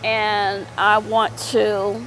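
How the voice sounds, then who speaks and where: Woman, middle-aged, slow pace, rambling with fillers, casual vlog. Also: mid-range voice, level tone, fairly bright tone, a little hiss or hum, poor audio. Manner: rambling, many fillers and repeats. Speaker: vlogger.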